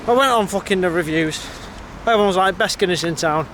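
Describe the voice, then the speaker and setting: An English man vlogs casually while walking nighttime town streets and then visiting a pub, his commentary blunt, sweary, and wry. He speaks in a high, fairly bright voice at a fairly quick pace, with slight background noise.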